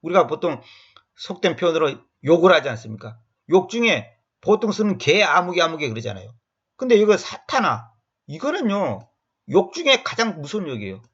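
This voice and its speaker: A man giving an expository Bible lecture in an emphatic way, repeating words and acting out quotes with sudden jumps in pitch. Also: very animated, a little fast, a bit bright, slightly rough, lo-fi sound. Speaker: Bible teacher.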